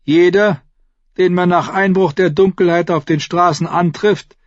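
A man voicing a sharp-tongued, weary dwarf lord who gives clipped urgent orders in an audiobook. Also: high voice, fairly even intonation, a little slow, no echo, dull audio, pitched above the performer's own voice. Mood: commanding. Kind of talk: audiobook character voice.

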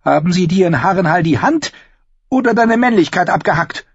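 Cersei, a proud queen as a man voices her in a high voice. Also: moderate pace, creaky, darkish tone, husky, no room sound. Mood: scornful. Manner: pleading, then scornful and biting. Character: desperate proud queen, woman, adult. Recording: dull lo-fi, dry.

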